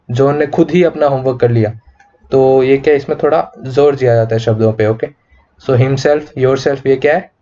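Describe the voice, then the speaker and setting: A man's voice: mid-range voice, warm tone. A man with an Indian accent teaching an online English grammar lecture, explaining in Hindi mixed with English, with many fillers and rhetorical questions. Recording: dull lo-fi recording.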